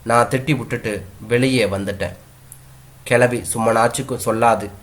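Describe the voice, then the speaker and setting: Mid-pitched man reading a story aloud. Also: moderate pace. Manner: steady first-person storytelling. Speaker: story narrator. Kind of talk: scripted story narration.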